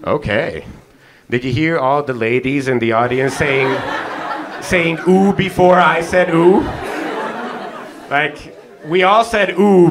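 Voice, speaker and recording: On a comedy club stage, a half-Hungarian, half-South-African young man teases the crowd into a handheld mic at a medium pitch. His quick, laugh-filled banter is captured live with audience laughter and a noisy background.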